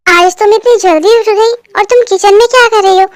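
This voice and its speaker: A woman voicing a gentle, patient young husband who coaxes and reassures, in an amateur fan dub. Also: very high-pitched, brisk, no echo, clean studio sound. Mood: soothing. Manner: coaxing, reassuring.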